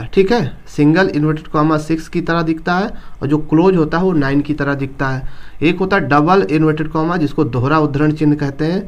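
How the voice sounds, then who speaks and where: A man teaches in a patient, step-by-step way. His voice sits a little high for a man. He often pauses to check in with a quick "okay". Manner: explaining patiently, tags sentences with a checking "okay". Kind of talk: classroom-style lesson.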